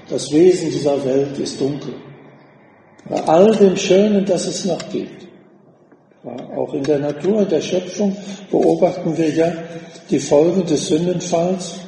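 Slow gravelly preacher in an echoey hall. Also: male voice, a little high, warm tone, slight background noise. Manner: slow, measured preaching with deliberate pauses. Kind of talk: sermon.

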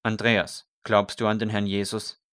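A man's voice: fairly low pitch, flat delivery, measured pace, fairly bright tone, no echo, studio quality. A man voicing a fervent male priest who urges a condemned prisoner toward faith with earnest intensity.

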